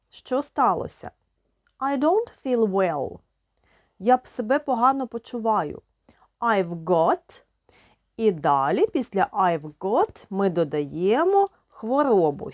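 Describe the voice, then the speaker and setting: A woman with a Ukrainian accent teaching a beginner English lesson, explaining slowly and clearly. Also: medium pitch, no room sound, clean studio sound.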